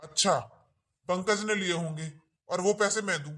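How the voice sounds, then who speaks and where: A woman's voice: on the low side, normal speed, a bit bright, close to an everyday voice. A woman playing a grumbling, stingy elderly father-in-law who lectures in a family drama skit.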